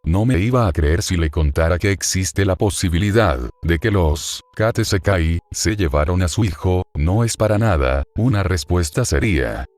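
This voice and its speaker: A man reading a first-person horror story aloud in measured, short phrases with pauses. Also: sits low, animated, darkish tone, no room sound.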